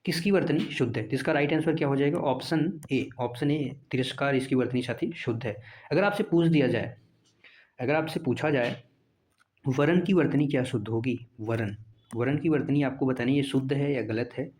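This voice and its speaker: A male teacher with a mid-range, slightly mellow voice speaks at a normal pace while working through exam practice questions one at a time. He poses each question himself, answers it, and then repeats the answer, as in an exam prep lesson.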